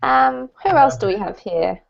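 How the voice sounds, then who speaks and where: A woman's voice: sits high, animated, moderate pace, creaky, highs cut off. A woman teaching a live online English class, chatty and speaking straight to her students over a video call.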